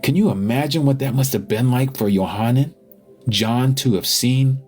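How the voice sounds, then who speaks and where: A man hosting a live scripture study, reading passages aloud and thinking out loud as he stops to check pages and look up words. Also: medium pitch, normal speed, faint music behind. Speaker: online scripture study host.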